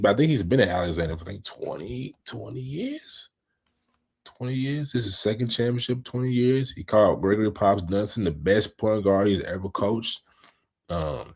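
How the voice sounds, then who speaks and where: A man co-hosting a podcast, talking sports in a laid-back, slangy way and often asking "you know what I mean". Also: low-pitched. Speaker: podcast co-host. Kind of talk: casual sports chat.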